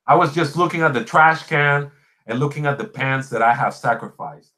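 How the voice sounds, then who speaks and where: A Puerto Rican man whose first language is Spanish, a podcast host and small YouTuber, answers live viewer comments in a casual chat. He speaks with a Puerto Rican accent at a moderate pace, medium pitch, with a bright, forceful tone. He tells stories emphatically and repeats phrases for effect.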